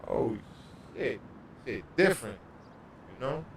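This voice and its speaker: A man's voice: medium pitch, very animated, slow pace, vocal fry, a little hiss or hum. A man livestreaming a video game, telling stories in casual, profane slang. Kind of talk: casual gaming livestream chat. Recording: echoey room, distant mic.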